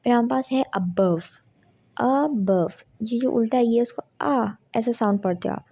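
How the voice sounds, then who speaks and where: A young woman walks students through exam revision one step at a time. Her voice is husky and very dark, with a gravelly edge. The audio sounds dull and lo-fi. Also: a little high, a little slow. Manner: explains step by step, mixing in English terms. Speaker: tutor.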